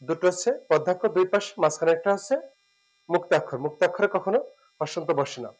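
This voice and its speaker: A man teaching word pronunciation, drawing out syllables slowly with hesitant fillers between points. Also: high voice, expressive, a little mellow, low-quality recording. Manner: slow and deliberate, drawing out syllables. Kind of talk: pronunciation lesson.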